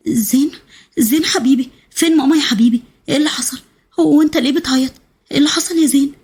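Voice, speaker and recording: Woman reading an urgent loyal girlfriend, Egyptian accent, very fast, high, storybook. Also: darkish tone, natural voice. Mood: frantic. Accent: Egyptian Arabic. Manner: urgent, rapid, coaxing with a child. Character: frantic loyal female friend, protective and urgent.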